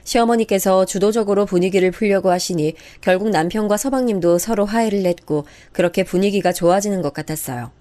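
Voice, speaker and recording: A woman's voice: medium pitch, a little fast, few pauses, mellow. Woman telling a story. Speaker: story narrator. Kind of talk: scripted first-person story narration.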